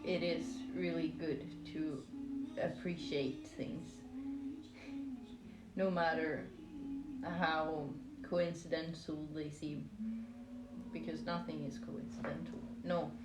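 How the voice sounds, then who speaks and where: A Norwegian woman with a low, steady voice speaks slowly and pauses often, chatting with live stream viewers while she crochets. Her manner is hesitant, rambling and playful, and the room echoes with music behind her.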